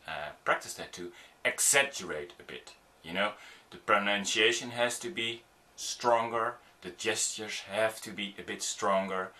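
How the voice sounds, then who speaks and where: This deep, sharp-toned voice belongs to a middle-aged man whose first language is Dutch. Working as an audiovisual producer, he teaches on-camera skills in an informal video tutorial, stumbling through frequent ums and restarts while showing what he means.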